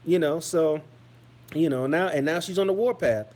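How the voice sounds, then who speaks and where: Man, high-pitched voice, heated profane rant, mocking tone, stammering restarts. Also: normal speed, darkish tone. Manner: heated, mocking, swears constantly; stammering restarts and repeated phrases. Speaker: vlogger. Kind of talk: profane ranting commentary.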